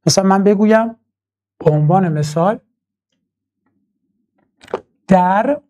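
A man's voice: high voice, dark tone, slight background noise. Man teaching a recorded online class. Patient and methodical, repeats key terms and addresses students as dear ones. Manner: slowly chants verse lines when reciting.

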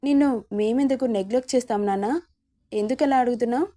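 A woman's voice: a little high, fast, warm tone, lightly acted. A woman voicing a protective middle-aged father questioning his upset son. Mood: concerned. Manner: concerned, reassuring.

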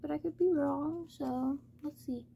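High-pitched, monotone woman chatting casually. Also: measured pace, creaky, slight background noise. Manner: monotone delivery with little word stress. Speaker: K-pop album unboxing host. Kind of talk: casual chat, unboxing commentary.

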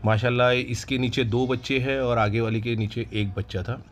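A man who owns a goat farm walks viewers through his new stock in an unhurried, casual way with many hesitations, recorded on a handheld phone outdoors in the farm yard. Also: medium pitch. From India. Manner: relaxed, unhurried, with frequent hesitations. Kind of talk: casual promotional farm tour.

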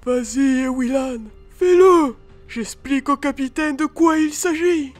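A woman's voice: high-pitched, a little slow, faint music behind. A woman voicing a decisive older male mentor in a fantasy audiobook. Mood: urgent. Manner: curt, decisive.

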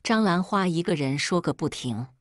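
A woman narrating a first-person family drama story in a calm, cool telling. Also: lowish voice, moderate pace, no echo, clean studio sound.

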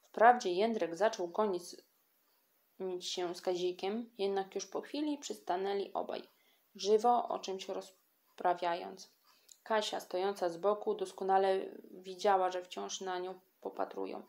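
A woman reading a children's audiobook with lively, expressive storytelling. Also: mid-range voice, a little slow. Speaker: audiobook reader.

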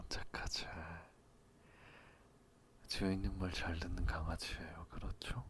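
A man playing a teasing, possessive, dominant lover in a whispered role-play, murmuring slowly and switching between coaxing and commanding. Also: low voice, a little mellow.

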